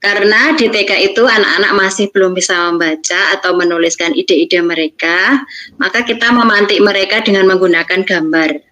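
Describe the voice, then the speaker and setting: A woman's voice: mid-range voice, fairly quick, bright, forceful tone, low-quality recording. Woman teacher explaining classroom practice. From Indonesia. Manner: explanatory, acts out teacher and pupil lines.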